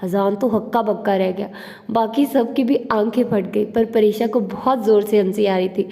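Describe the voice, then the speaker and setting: A woman narrating a romance novel as an audiobook, in steady storytelling. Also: mid-range voice, normal speed, vocal fry, big-room sound.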